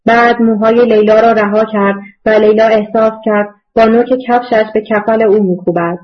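A woman's voice: fairly high pitch, steady tone. Subdued woman narrating an audiobook. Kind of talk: scripted narration. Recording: dull lo-fi recording.

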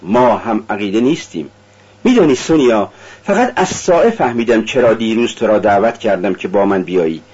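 A man's voice: on the low side, animated, a little mellow, husky, dull audio. A man voicing a tormented young man confessing. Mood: despairing. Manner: intense, confessional. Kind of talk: audiobook reading.

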